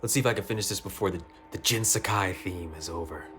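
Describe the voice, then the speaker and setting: A man talking casually about a video game ending, excitable, swearing freely and often stumbling over and repeating his words. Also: sits low, quick pace, a little hiss or hum. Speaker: gaming youtuber. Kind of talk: casual game review monologue. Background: faint music.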